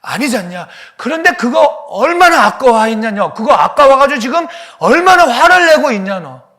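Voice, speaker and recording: God, loving fatherly figure, pleading and intense, voiced by a male preacher; high, ringing voice. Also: very animated, unhurried, heavily acted. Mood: exasperated pleading. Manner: impassioned, rising to loud cries, then falling to a hushed whisper. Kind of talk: sermon with dramatized dialogue.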